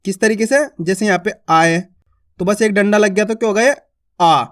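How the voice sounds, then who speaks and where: Male teacher, casual and friendly with viewers, patient, repeats each vowel slowly and clearly. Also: sits high. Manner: patient, repetitive, drawn-out vowel drills; addresses viewers as friends, colloquial. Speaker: Hindi teacher. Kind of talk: beginner alphabet lesson.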